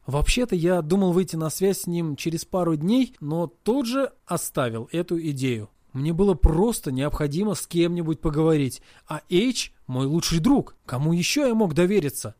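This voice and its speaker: A man narrating a novel in the first person as an audiobook reader, in a steady storytelling manner. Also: a little high, moderate pace, few pauses, dry recording, studio quality.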